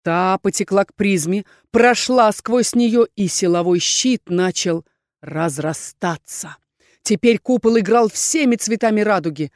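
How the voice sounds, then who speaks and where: A woman reads a first-person fantasy audiobook at a measured, tense pace. Her voice sits at an ordinary pitch, recorded close and dry with no room around it. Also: darkish tone, no room sound. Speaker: audiobook reader.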